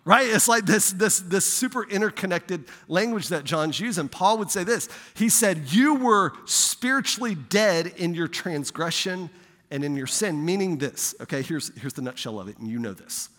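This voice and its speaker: Bright-voiced male pastor preaching in a hall. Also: sits high, animated, moderate pace, few pauses. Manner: conversational preaching, rising loud for emphasis, frequent "right?". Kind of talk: sermon.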